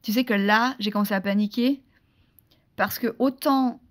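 A woman's voice: fairly high pitch, normal speed. A woman from Switzerland, a guest telling her story in a casual interview with lots of restarts and fillers.

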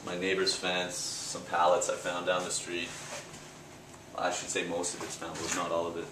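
A young Canadian painter with a low, unhurried voice answers casual interview questions at his own exhibit, rambling in a relaxed way with fillers and restarted phrases. A handheld camera close by captures him in an echoey gallery, with a faint hum of ambience in the background.

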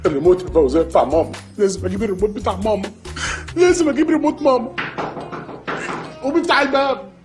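A man's voice: high voice, animated, racing, over music. An actor playing a whiny, childish mama's boy in broad TV sketch comedy.

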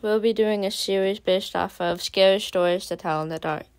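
A woman's voice: medium pitch, fairly even intonation, normal speed, clean tone, poor audio. A woman reading a short horror story aloud, dramatic in her storytelling. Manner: dramatic storytelling, varying loudness for suspense. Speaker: storyteller and artist.

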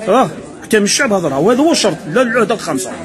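Fast, mocking Algerian man ranting. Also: high-pitched, big pitch swings, crowd noise. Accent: Algerian Arabic. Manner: mocking, sarcastic, addressing opponents directly. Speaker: political commentator. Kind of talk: impassioned political rant.

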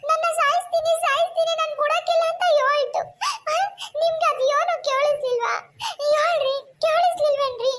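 A woman's voice: very high voice, a bit bright, a little hiss or hum. A woman voicing a frightened young pregnant wife in a cartoon, who pleads frantically.

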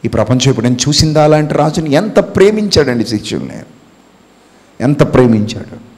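Telugu-accented pastor preaching, fairly high voice, goes quiet then yells, big echoey hall. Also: male voice, lively intonation, brisk. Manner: dramatic preaching, swings from hushed to shouted, acts out quotes. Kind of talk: impassioned sermon. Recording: long hall reverb.

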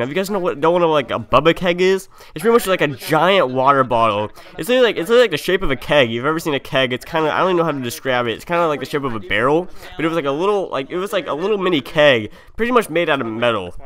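A young adult man, a game streamer, tells a story over gameplay from a gaming setup in an indoor room. He's recorded on a close mic, his voice pitched on the high side and a bit bright. He talks informally with plenty of slang and acts out the dialogue as he goes.

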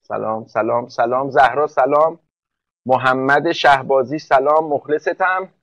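A man's voice: medium pitch, a bit bright, no room sound, highs cut off. A man teaching English for an entrance exam in a live online class, joking and speaking directly to students one by one.

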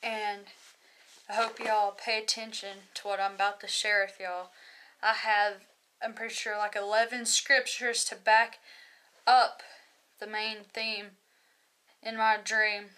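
A woman's voice: mid-range voice, little pitch movement, unhurried, pauses often, sharp tone, smooth. A young woman, telling a personal story in a loose, rambling way, with many fillers. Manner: loose, rambling, many likes and you knows. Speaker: video host. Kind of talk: casual testimony.

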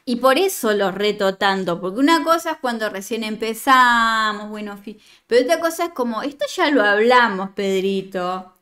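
A woman's voice: on the high side, lively intonation, normal speed, hardly any pauses, sharp tone. A woman leading a writing workshop, reading a student's story aloud and giving chatty, digressive, teasing feedback.

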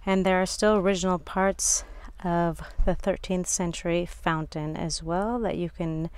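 A woman's voice: fairly low pitch, fairly even intonation, measured pace, a little mellow, smooth. A woman narrating a casual walking tour as a local guide, recorded outdoors on a handheld device. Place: outdoors in city garden and streets.

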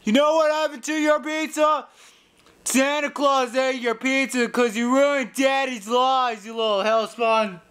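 A man's voice: very high-pitched, fairly even intonation, unhurried, fairly bright tone, clear, resonant tone. A young man playing a drunk, callous deadbeat dad in a surly comedy sketch testimonial. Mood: angry. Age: young adult. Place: indoor room at home.

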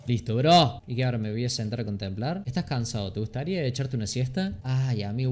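A man's voice: medium pitch, a little hiss or hum. A young man with an Argentine accent, commentating a horror game as he plays, swearing and yelping at every scare. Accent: Argentine Spanish. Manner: excitable, swears and screams at jump scares. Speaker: gaming streamer.

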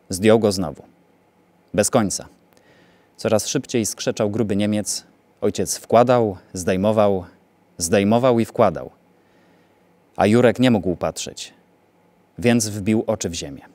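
A theatre actor reciting a poem with a grave, deliberate delivery. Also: male voice, lowish voice, darkish tone, no echo. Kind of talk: dramatic poetry recitation.

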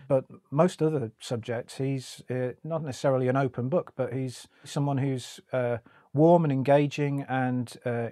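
Measured middle-aged man, dry sound. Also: medium pitch, warm tone, dry recording. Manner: measured, articulate, with frequent uhs. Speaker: journalist interviewee. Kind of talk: documentary interview. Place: recording studio.

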